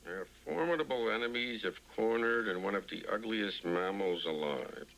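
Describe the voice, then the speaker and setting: Deep low-voiced talking orangutan guy, dry and gloomy, old sitcom. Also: gravelly, slight background noise, poor audio. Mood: glum. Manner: slow, wry, deadpan. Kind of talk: 1980s sitcom acting.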